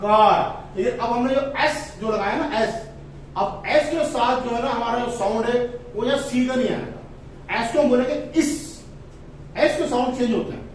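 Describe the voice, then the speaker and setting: A man with a very high voice teaches a phonics lesson, drawing out each letter and vowel slowly. He sounds set back from the microphone in a strongly echoing room, with faint ambient noise behind him. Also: distant mic. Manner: slow, drawn-out spelling of letters and words, stressing vowel sounds.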